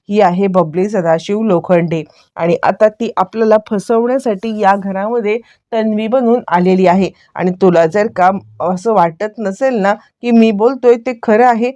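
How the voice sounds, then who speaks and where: A woman reading a quick-tempered young husband. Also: medium pitch, dark tone, no room sound, lo-fi sound, close to an everyday voice. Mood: accusing. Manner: accusing, exasperated.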